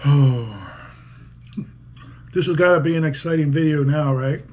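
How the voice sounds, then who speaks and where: A man's voice: fairly high pitch, measured pace, darkish tone. A man vlogging an eating challenge at home, chatting and joking between mouthfuls. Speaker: beer review vlogger. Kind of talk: casual eating challenge vlog.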